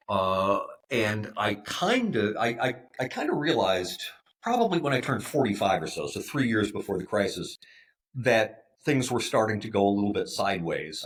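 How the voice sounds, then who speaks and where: A man in his fifties, a podcast guest, speaking in a halting way with many fillers and restarts. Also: lowish voice, a bit bright. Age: 50s. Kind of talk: conversational interview.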